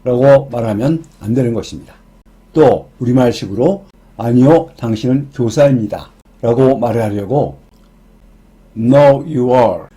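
A man explaining English grammar in a scripted lesson, reading each example sentence slowly and deliberately. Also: mid-range voice, mellow. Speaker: English teacher.

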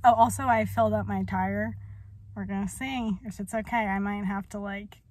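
A woman's voice: mid-range voice, steady tone, normal speed, a little mellow. A young adult woman vlogging in a rambling, chatty way, full of fillers. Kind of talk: casual chat.

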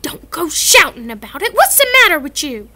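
A woman's voice: high voice, big pitch swings, moderate pace, voice pushed up, heavily acted. Hagrid, a woman doing a shifty giant man. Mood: urgent. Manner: shifty, hushed, hesitant with "uh". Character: large gruff secretive man, a gamekeeper.

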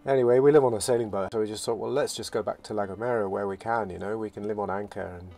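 A man narrating his sailing vlog in a relaxed, reflective voice-over, often restarting his phrases. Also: fairly low pitch, fast, vocal fry. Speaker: sailing vlogger. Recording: voice-over with loud music behind.

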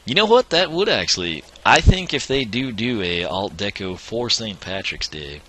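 In a pushed, bright, sing-song voice of fairly low pitch, a man comments on his game at a moderate pace. He is losing his voice, yet keeps chatting and rambling through the casual let's-play, often breaking into chuckles.

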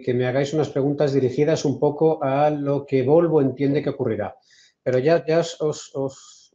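Man, Peninsular Spanish accent, online lecture, measured with restarts, echoey room, dull call sound. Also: medium pitch, warm tone. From Spain. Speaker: invited speaker. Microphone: video call. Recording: roomy, dull video call audio.

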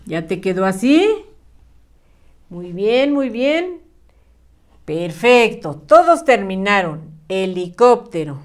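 Slow, patient woman teaching small children. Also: mid-range voice, sing-song. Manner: patient, encouraging, spells words out syllable by syllable. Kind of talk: slow children's writing lesson.

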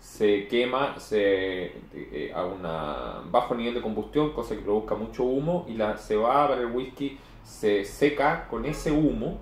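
Recorded from across a home room by a camera, this forties-aged man chats casually about beer, going on at length and leaning on fillers. His voice sits on the low side and is animated, a little slow, with hardly any pauses, in an echoey room with faint noise.

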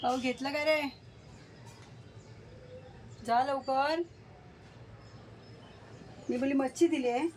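A woman with a high voice talks in a casual, homely way to her animals, coaxing them to eat and scolding them when they act up. A faint noise hums behind her, and a dog barks now and then. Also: fairly even intonation, takes it slowly, long pauses, darkish tone. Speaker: vlogger feeding pets. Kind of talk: casual chat to pets.

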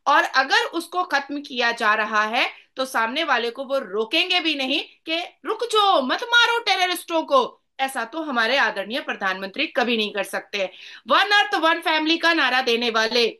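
A woman's voice: high voice, animated, normal speed, sharp tone. A woman speaking as a debate panelist in a formal, declamatory way with respectful honorifics.

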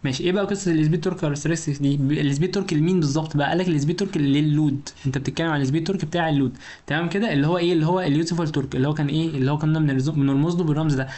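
A man with an Egyptian Arabic accent explains engineering material at a rapid clip, in a slightly high voice. He speaks straight to the student and keeps asking rhetorical questions to check that they follow. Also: steady tone, warm tone. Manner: informal, talks directly to the student. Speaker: engineering lecturer. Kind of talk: recorded lecture explanation.

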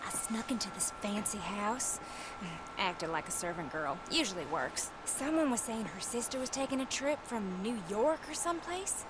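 A woman's voice: mid-range voice, animated, moderate pace, lightly acted. An actress playing a scheming, folksy American outlaw woman in a western video game. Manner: folksy, colloquial. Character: scheming, folksy female outlaw of the Old West. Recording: game audio with clear outdoor noise.

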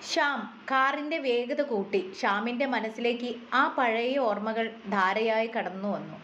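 Woman reading a story aloud, lo-fi. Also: fairly high pitch. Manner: steady, measured reading. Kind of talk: scripted story narration. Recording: dull lo-fi with faint hiss.

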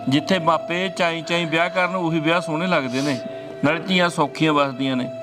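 An actor with a Punjabi accent playing an older village father who scolds his daughter and then gently comforts her. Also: a little high, steady tone, a little fast, music in the background, lightly acted. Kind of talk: rural short film acting.

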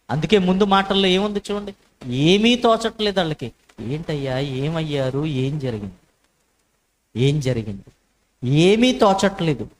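Male preacher, fairly high voice, emphatic sermon delivery, repeats lines for weight. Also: low-quality recording. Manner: emphatic, repetitive rhetorical questions.

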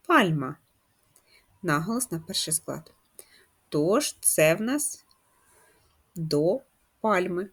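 A woman teaching young children to write, patient and methodical, walking them through each step and pausing to ask questions. Her voice sits fairly low and has a soft, husky edge. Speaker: primary school teacher. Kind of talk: first-grade writing lesson.

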